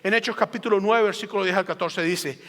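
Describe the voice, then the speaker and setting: A man's voice: sits high, fast talker, fairly bright tone. A man pastor delivering a sermon, emphatic and rhetorical, building his points through repeated phrases. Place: church sanctuary. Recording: long hall reverb.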